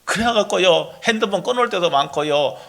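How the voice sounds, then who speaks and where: A middle-aged male pastor preaching a sermon, animated, often asking the congregation rhetorical questions. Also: sits high, brisk, creaky.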